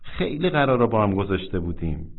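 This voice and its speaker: A man's voice: lowish voice, big pitch swings. A man reading aloud and voicing a grieving young man who speaks in a subdued, choked-up way, in a tinny, phone-like recording. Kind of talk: audiobook reading.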